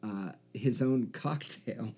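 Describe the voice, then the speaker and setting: A man co-hosting a podcast, chatting casually and easily, laughing often and pausing on fillers. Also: medium pitch, mellow, slightly rough. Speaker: podcast co-host. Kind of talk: casual chat.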